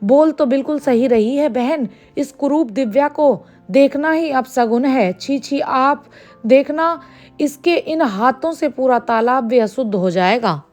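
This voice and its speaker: Spiteful village women at a pond, taunting and scornful, as a woman narrator plays them. The voice is high, with soft music underneath. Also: measured pace.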